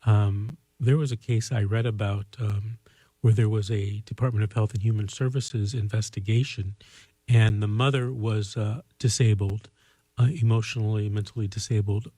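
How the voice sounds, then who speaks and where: Husky, mellow man giving advice. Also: lowish voice, fairly even intonation, moderate pace, no room sound. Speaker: call-in show host. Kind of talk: conversational legal advice.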